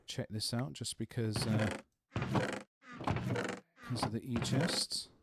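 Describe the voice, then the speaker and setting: A gaming streamer with a London accent chats casually on his livestream, answering viewer questions in a laid-back way. His mid-range voice takes things slowly, with heavy background noise behind it.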